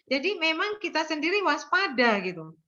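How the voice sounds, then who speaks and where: A woman's voice: sits high, sing-song, moderate pace, pushed and bright, lo-fi sound. An older woman, a nursing lecturer, giving an earnest lecture full of anecdotes and often checking in with her listeners. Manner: earnest, tags sentences with "ya".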